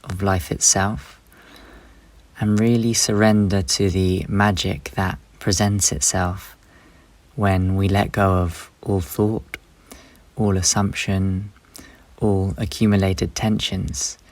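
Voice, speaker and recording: A man leads a meditation in a low voice with very little melodic movement, offering gentle step-by-step instructions. His phrases are short and unhurried, separated by long pauses. There is no room sound.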